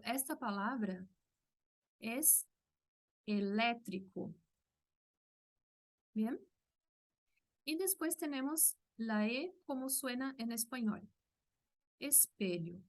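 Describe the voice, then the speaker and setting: Slow, patient woman teaching language sounds. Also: on the high side. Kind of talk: online language lesson.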